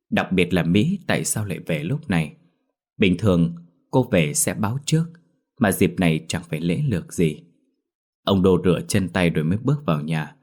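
A man narrating a dark audio story in a measured, grave manner. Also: low-pitched.

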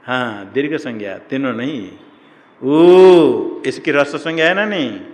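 A man teaching Sanskrit grammar to a class, slowly drawing out vowel sounds and quizzing his students. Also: medium pitch, lively intonation, a bit bright. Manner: slow, drawn-out chanting of vowels and rules, quizzing students. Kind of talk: classroom lecture. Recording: faint room ambience, long hall reverb.

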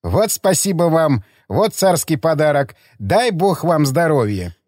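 A man's voice: a little high, big pitch swings, a little mellow, no room sound, clean studio sound. A man doing a fawning, sugary innkeeper. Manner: ingratiating, slow and sugary. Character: fawning, plump middle-aged inn manager.

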